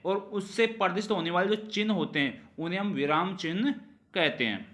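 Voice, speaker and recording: A man teaching a grammar revision lesson, repeating phrases and asking rhetorical questions, his pitch falling at the ends of sentences. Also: fairly bright tone.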